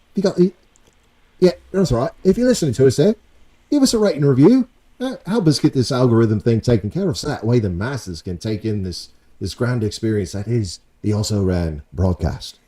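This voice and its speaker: A man putting on a bombastic showman voice with a theatrical, drawn-out delivery. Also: lowish voice, mellow, close to an everyday voice. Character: bombastic male showman hunting a beast.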